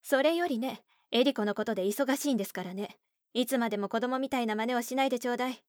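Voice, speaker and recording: A woman's voice: on the high side, fast talker, darkish tone, no room sound, clean studio sound, close to an everyday voice. A woman doing an exasperated scolding mother. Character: irritated middle-aged mother, scolding.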